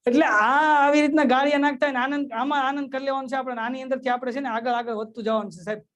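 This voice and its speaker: A man telling jokes and giving a patriotic address, animated and constantly addressing his audience as sir. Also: extremely high pitch, fast. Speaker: comedian. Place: remote link into a virtual event.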